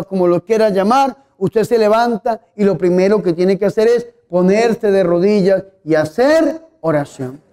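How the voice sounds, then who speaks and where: High-voiced male priest preaching. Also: darkish tone. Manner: conversational, asks the audience questions, tells humorous anecdotes. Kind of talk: sermon.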